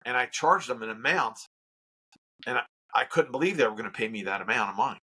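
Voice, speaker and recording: A man's voice: mid-range voice, fast talker, pushed and bright, husky. A man who works as a charity auctioneer, telling his story in a casual interview with earnest emphasis and repeats.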